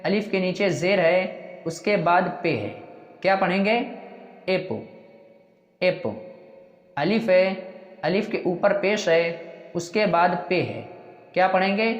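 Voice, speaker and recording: Teacher going over letters step by step, asks then answers twice, muffled echoey sound. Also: medium pitch. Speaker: Urdu reading teacher. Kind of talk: slow step-by-step reading lesson. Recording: dull echoey recording with long reverb.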